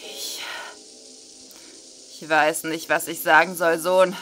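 Girl doing a low, heavy grieving game dad, slow and halting, bright edge still there. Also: level tone, soft background music. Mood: grave. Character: grieving father, middle-aged man, solemn.

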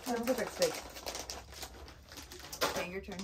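A woman's voice: medium pitch, moderate pace, heavy background noise. A woman co-hosting a casual taste-test video, easygoing and game for anything, laughing a lot. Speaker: co-host.

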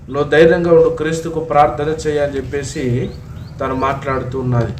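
A man preaching as a pastor, telling a martyr story in a sermon, calling the listeners God's children and pausing often on long fillers. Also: a little high, a little mellow, a little hiss or hum. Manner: retells a martyr story with frequent drawn-out fillers. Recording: echoey room, voice from a distant mic.

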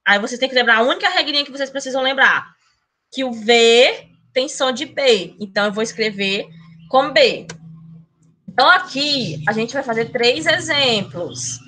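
Through a computer mic, a high-pitched female Spanish teacher talks to her online class at normal speed, chatty and teacherly, naming herself "a tia." When she gets excited, she starts talking faster.

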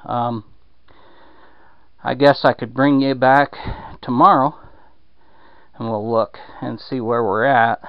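A man's voice: mid-range voice, steady tone, slow, long pauses, smooth, dry recording. A man casually rambling with plenty of fillers while filming a home repair walkthrough in a damp basement on a handheld camera. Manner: rambling, drawling, lots of fillers. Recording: dull lo-fi camera audio.

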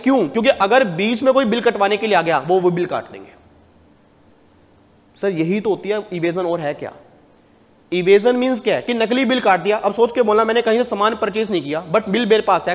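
A man giving a tax lecture to a class, animated, putting questions to the students and answering them himself. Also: high voice, big-room sound.

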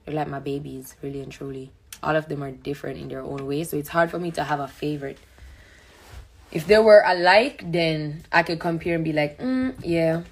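A woman's voice: low voice, brisk, husky. A young woman with a Jamaican accent chatting playfully on a livestream from her phone indoors. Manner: playful, laughing, mimicking accents. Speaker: singer on a livestream. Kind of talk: casual livestream chat. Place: indoor room. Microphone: phone at arm's length.

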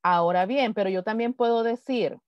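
Woman teacher, unhurried and slightly high, dry dull video-call sound. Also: dry recording. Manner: patient, repeats example sentences slowly. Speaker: English teacher. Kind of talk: online class instruction.

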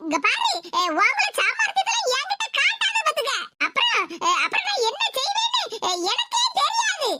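A woman voicing a gloating scheming woman with a Tirunelveli accent, slow and cackling, in a cartoon. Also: very high voice, sing-song, heavy background noise. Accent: Tirunelveli Tamil. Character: gloating scheming woman who stole money.

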